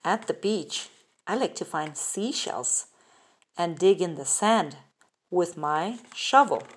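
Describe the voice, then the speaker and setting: A woman reading a picture book aloud, slowly and carefully, asking the listener questions, recorded on a phone held over the pages. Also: lowish voice, animated, slightly rough. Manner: slow, careful, sing-song with questions to the child. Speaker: reader. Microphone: phone filming the book up close.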